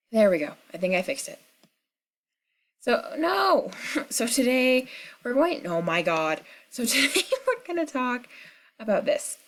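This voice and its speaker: A woman's voice: a little high, sing-song, slow, pauses often, a bit bright. A young woman with a cold rambling through casual gaming commentary at home, chatty and full of fillers and asides. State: sick with a cold, clearing throat. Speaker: gaming vlogger. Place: at home in the country.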